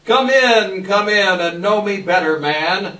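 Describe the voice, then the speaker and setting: Man as big merry Christmas spirit for readers theater; loud, proclaiming, hearty, distant mic with echo. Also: high-pitched, lively intonation, slow, pitched above the performer's own voice, full character voice. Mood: hearty welcome. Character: jovial, booming giant male Christmas ghost. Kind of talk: readers theater stage reading. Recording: echoey hall from far off.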